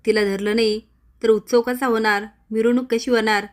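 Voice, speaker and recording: A woman's voice: fairly high pitch, little pitch movement, moderate pace, close to an everyday voice. A woman voicing a bold older village man who gives orders and urges others on. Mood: commanding. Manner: commanding, urging others on.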